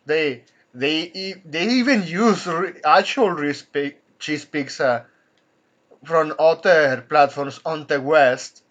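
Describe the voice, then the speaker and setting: A man hosting an angry commentary rant, indignant and swearing, with frequent halting restarts. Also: on the high side, a bit bright. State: coughing from anger at times. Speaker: commentary channel host.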